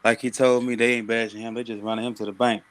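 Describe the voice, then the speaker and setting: A man calling in to a live chat show, talking slowly in a deep, laid-back, mumbling way. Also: flat delivery, a bit bright, low-quality recording. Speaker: caller. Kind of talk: casual chat.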